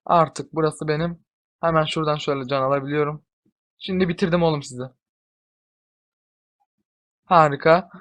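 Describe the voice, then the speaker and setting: A young man giving casual gameplay commentary, excitable, often swearing and shouting at his units. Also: fairly high pitch, moderate pace, long pauses. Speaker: gamer.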